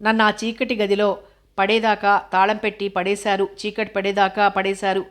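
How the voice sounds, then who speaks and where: A woman's voice: medium pitch, completely flat delivery, normal speed, lightly acted. A woman voicing a frightened ten-year-old girl who is hurt but defiant, in an audiobook reading. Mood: plaintive.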